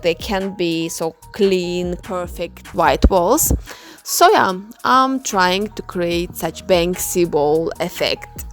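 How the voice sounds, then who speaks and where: A Ukrainian woman who creates customized clothing narrates a personal vlog voice-over. She speaks slowly in a mid-range voice, halting and emotional.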